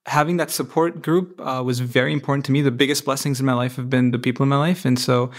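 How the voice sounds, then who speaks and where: A young man in his twenties from India, speaking thoughtfully as a podcast guest, with measured pauses. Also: mid-range voice, steady tone. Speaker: guest, PhD student. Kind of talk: reflective interview talk.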